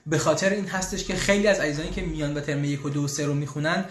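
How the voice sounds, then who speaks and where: A man hosting a casual live question-and-answer session for his language school, chatty, pausing often with fillers and restarts. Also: fairly high pitch, echoey room, slight background noise. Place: room in Austria, church bells heard.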